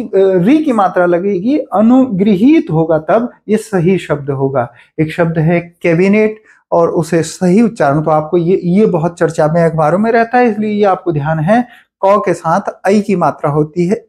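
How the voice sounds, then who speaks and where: A man teaching Hindi spelling for a competitive exam, explaining patiently and repeating each word slowly to contrast right and wrong forms, with a Hindi accent from Uttarakhand. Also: sits high, dark tone. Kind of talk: exam-prep spelling lesson.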